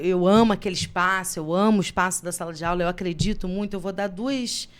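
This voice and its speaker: A woman teacher, telling classroom stories in a relaxed podcast chat, emotional and lively. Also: medium pitch, a little hiss or hum. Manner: animated storyteller who gets emotional.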